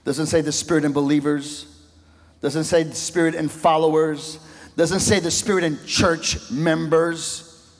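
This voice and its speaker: A male pastor preaching a sermon with passion, his voice swelling and then dropping low. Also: level tone, unhurried. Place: church sanctuary. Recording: long echo of a large church hall.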